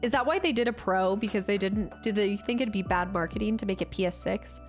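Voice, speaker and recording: Music runs in the background as a livestream host works on a build, chatting casually, talking under her breath and replying to viewers. She speaks fairly quickly in a mid-range voice with a slight congestion to it.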